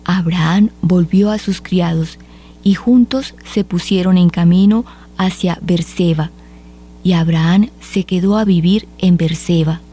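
A woman reading scripture aloud at a measured, solemn pace for a liturgy. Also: fairly low pitch. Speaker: liturgical reader.

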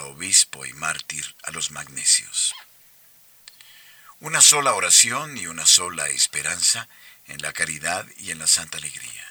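A man reads Scripture for the Liturgy of the Hours. His voice sits very low but has a bright, sharp edge. His reading is measured and solemn. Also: a little hiss or hum. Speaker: liturgical reader.

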